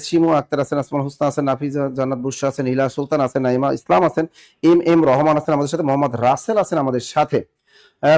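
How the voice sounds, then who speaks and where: Male teacher, Bangladeshi Bengali accent, slightly higher voice, energetic drill style with frequent questions to the audience. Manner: energetic, repeats key answers and quizzes viewers. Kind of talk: live online exam-prep class.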